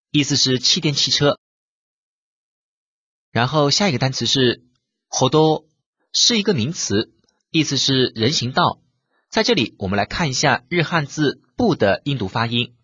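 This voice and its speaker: Male language tutor, husky and dry, animated pitch, methodical, reads examples then explains them, slightly dull lo-fi recording. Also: no echo. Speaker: language teacher. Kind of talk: vocabulary lesson explaining Japanese words.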